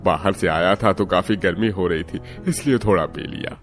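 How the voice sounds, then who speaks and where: A man voicing a gentle, humble older father-in-law in an animated family story, speaking mildly and apologetically. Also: low voice, normal speed, faint music behind. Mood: apologetic. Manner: mild and apologetic. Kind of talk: cartoon story voice acting.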